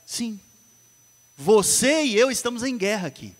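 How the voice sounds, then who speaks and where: A male pastor with a Brazilian Portuguese accent preaching a lively sermon with call-and-response to the congregation. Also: high voice, a little slow. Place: church hall. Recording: long reverb of a church hall.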